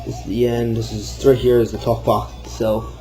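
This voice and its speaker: A man with a mid-range voice and little pitch movement speaks at a moderate pace, with music in the background of a low-quality recording. He's a hobbyist builder showing off a homemade project, narrating an off-the-cuff demo in a casual, rambling, self-deprecating way.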